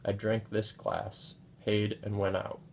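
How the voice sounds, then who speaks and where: A man reading a novel aloud in a steady, understated way. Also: lowish voice, takes it slowly, vocal fry, slight background noise. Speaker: audiobook reader.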